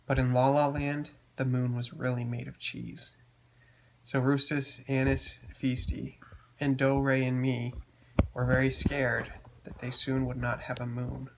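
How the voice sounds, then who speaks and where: A man telling a made-up bedtime story to a child, gently explaining as he goes. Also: mid-range voice, completely flat delivery, a little slow, creaky, slight background noise, low-quality recording.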